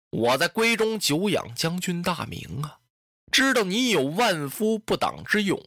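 Weeping young beauty done by a storyteller, bright voice, lively pitch, pleading and reproachful. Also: dry recording, clean studio sound, exaggerated voice. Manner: tearful, pleading, drawn-out. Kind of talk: traditional storytelling.

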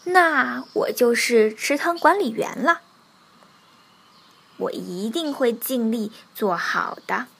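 A self-important storybook duck voiced by a woman bellows orders at everyone around its pond. The voice sits a touch high and turns loud and rapid whenever it lays down a rule. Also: gravelly, breathy edge, full character voice. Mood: excited. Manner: shouting stern orders.

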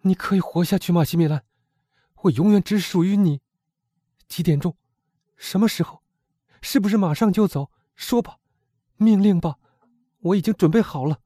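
Guy doing a pleading young woman, anguished and imploring, highish voice, mellow and kinda dark, dry close audiobook sound. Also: moderate pace, pauses often, dry recording. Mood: resolute. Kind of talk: audiobook character reading.

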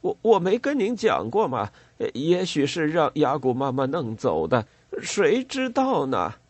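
A man putting on a hoarse, sobbing, begging river guide. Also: fairly high pitch, huge pitch swings, a little slow, no echo, pitched above the performer's own voice, exaggerated voice. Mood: stammering. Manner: sobbing, pleading and stammering. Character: whimpering, cringing male river guide begging for drink.

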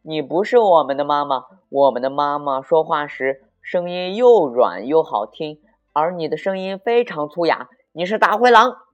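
A man voicing a group of small frightened but defiant goat kids in a children's story, calling out high and loud. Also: sing-song, normal speed, few pauses, dull audio, soft background music.

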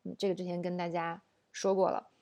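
A woman's voice: on the low side, level tone, brisk, mellow. A woman teaching an online English lesson, explaining at length with rhetorical questions and fillers.

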